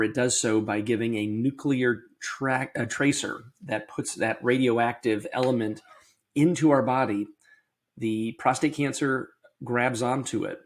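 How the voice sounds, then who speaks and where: A middle-aged man hosts a casual podcast about his personal health, talking candidly and explaining things in a measured way. His voice is mid-range and slightly crackly.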